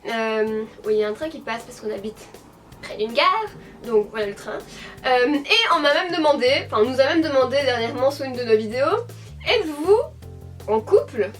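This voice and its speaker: Belgian woman, mid-20s, high voice, casual rambling YouTube chat, slightly off-mic with light music under. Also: expressive, brisk, fairly bright tone, far from the mic. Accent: Belgian French, Hainaut. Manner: chatty and rambling, with frequent fillers and self-corrections. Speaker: beauty YouTuber answering a tag. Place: at home, indoors.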